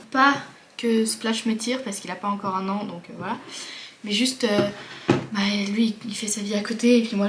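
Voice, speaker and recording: A young woman of eighteen chatting to camera in a loose, informal vlog. Her voice sits a little on the high side, and her speech is full of fillers and casual slang. The chat rambles along. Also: background noise. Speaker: vlogger.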